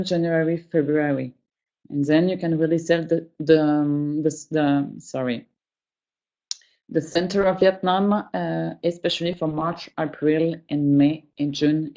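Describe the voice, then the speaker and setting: A woman who trains for a travel company presents a webinar in English, which isn't her first language, pausing often to search for words. Her voice is fairly low and mellow, and the recording sounds muffled.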